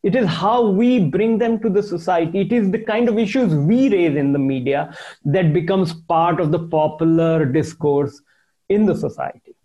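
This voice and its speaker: A man's voice: sits high, normal speed, mellow, dull audio. A man with a North Indian accent giving conversational interview answers, emphatic, repeating phrases and slipping Hindi into English. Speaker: interviewed journalist and author.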